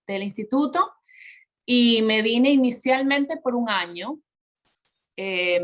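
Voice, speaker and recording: A Venezuelan woman with a Venezuelan Spanish accent tells her life story as a podcast guest, chatty, laughing often, and full of fillers. Her voice is a little high and a bit bright, and the recording sounds muffled.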